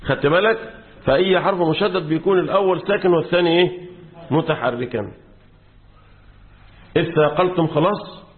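An Egyptian man teaches Quran commentary to a class and keeps prompting his students to finish his sentences. His voice sits a little high for a man and repeats key words as he explains. The recording is thin and phone-like. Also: a little fast, pauses often. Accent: Egyptian Arabic. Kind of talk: classroom lecture.

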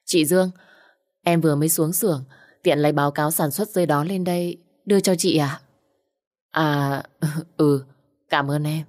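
A woman's voice: low voice, fairly even intonation, moderate pace, pauses often, darkish tone. A woman narrating a first-person story and reading every character's lines in her own voice.

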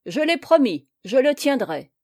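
A woman voicing a hot-tempered, boastful male knight captain in an audiobook, with loud commanding exclamations. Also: high-pitched, very animated, unhurried, pitched above the performer's own voice, exaggerated voice. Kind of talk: audiobook character reading.

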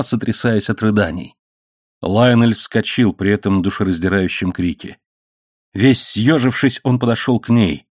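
A man reading an adventure novel aloud in measured, dramatic storytelling. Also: fairly low pitch, darkish tone, no room sound, clean studio sound. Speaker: audiobook reader. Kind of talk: scripted audiobook narration.

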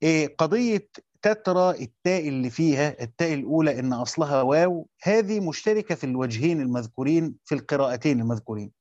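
A man with an Egyptian Arabic accent teaching a classroom lesson, quizzing his students and repeating his points slowly. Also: a little high, lively intonation, a little mellow, no echo, dull audio. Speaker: teacher of Quran commentary.

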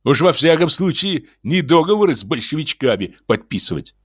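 A man voicing an excitable, boastful middle-aged male locksmith who blusters and shouts. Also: moderate pace, no room sound. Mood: smug insistence. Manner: shrill, blustering, ironic.

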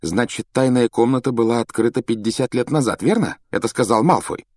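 A man's voice: medium pitch, fairly quick, darkish tone, no room sound, close to an everyday voice. An earnest, curious schoolboy, as a male reader voices him, close to the reader's own voice with only a slight lift. It sounds like a storybook reading, dry and close. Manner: earnest, puzzled.

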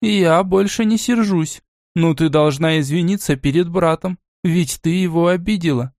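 A man voicing a stern, aristocratic old grandmother in an audiobook, speaking in a measured, cool and commanding way. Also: on the high side, darkish tone, dry recording, clean studio sound, voice pushed up, lightly acted. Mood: tender.

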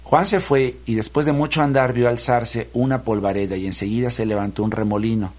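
A man's voice: mid-range voice, fairly even intonation, a little mellow. Man reading a folk tale. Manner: folksy, unhurried, speaks to listeners. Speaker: radio storyteller. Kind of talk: storytelling reading aloud. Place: radio studio.

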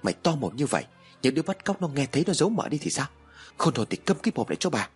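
A man voicing a harsh, domineering old woman who scolds and curses her household in a shrill voice. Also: sing-song, fast talker, husky, soft background music. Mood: furious scolding.

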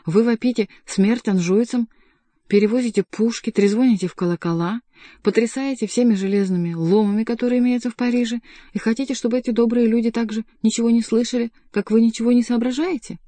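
A woman's voice: on the high side, steady tone, quick pace, warm tone, no echo, close to an everyday voice. A woman reading the part of a sarcastic, scolding male court jester in an audiobook. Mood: mocking. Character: mocking sharp-tongued male court jester.

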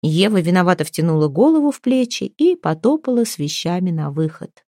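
Audiobook narrator, woman; mellow, dry, measured storytelling. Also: on the low side, sing-song, no room sound.

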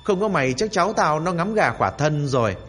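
A man voicing an old great-grandfather spirit, gruff and bantering in a husky voice. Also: on the high side, sing-song, brisk, a bit bright.

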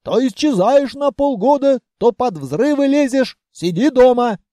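A man's voice: very high-pitched, expressive, unhurried, dark tone, dry recording, clean studio sound, pitched above the performer's own voice. A man voicing a stern, fussing old grandmother who heals by magic in an audiobook. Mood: scolding. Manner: scolding, commanding.

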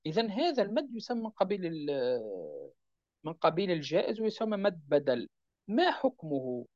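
A man teaching the rules of Quran recitation step by step, checking with his listeners and chanting the verse examples slowly. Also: high-pitched, big pitch swings, a little mellow, no room sound. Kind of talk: religious lesson explaining recitation rules. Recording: dull, dry lo-fi recording.

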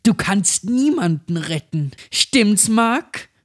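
A man's voice: sits high, sing-song, slow, pitched above the performer's own voice, exaggerated voice. A man voicing a tortured little girl in a horror story, speaking in a raised, thin voice that turns bitter and accusing. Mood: enraged. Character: mutilated little girl, weak then enraged.

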